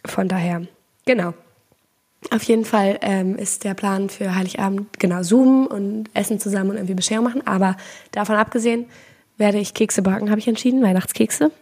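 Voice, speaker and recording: A woman in her twenties speaks at an average female pitch with a husky smoker's rasp, sounding hoarse. She chats casually on a podcast in a jokey, self-ironic way. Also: fairly even intonation, fairly quick, a little mellow. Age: 20s. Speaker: podcast co-host.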